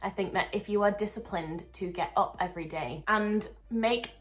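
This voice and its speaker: A woman's voice: mid-range voice, normal speed, soft background music, poor audio. Upbeat chatty woman vlogging. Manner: chatty, upbeat, laughs often. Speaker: dancer and choreographer. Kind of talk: casual Q&A vlog.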